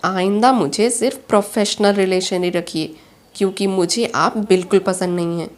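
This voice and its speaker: A woman's voice: mid-range voice, fairly even intonation, moderate pace, natural voice. A woman voicing a proud, hurt young female employee in a storybook reading, speaking in an indignant, reproachful way.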